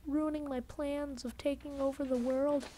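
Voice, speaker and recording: A woman rambles through casual gameplay commentary in a bright, somewhat high voice, piling on "like" fillers and mocking herself with a grin. She jumps into sudden excited outbursts, with a faint hiss behind her voice. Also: normal speed. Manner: goofy, rambling, full of "like" fillers; jokey self-mockery, sudden excited outbursts. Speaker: gaming channel host.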